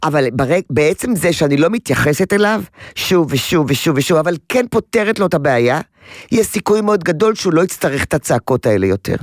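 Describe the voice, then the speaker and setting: A woman's voice: low voice, expressive, no echo, clean studio sound. A woman advising a caller on parenting, emphatic and repeating words for stress. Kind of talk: radio call-in advice.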